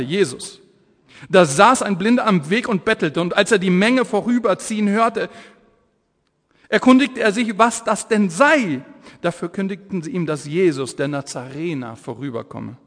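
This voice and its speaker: Fervent high-voiced man preaching. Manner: fervent, excitable, lively storytelling. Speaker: evangelist preacher. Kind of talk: energetic sermon with Bible storytelling. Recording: echoey hall reverb.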